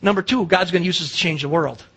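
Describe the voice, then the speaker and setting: A middle-aged man with an American accent, from the U.S., preaches fast in a high-pitched, husky voice that is bright and forceful. Emphatic throughout, the pastor poses rhetorical questions and acts out dialogue.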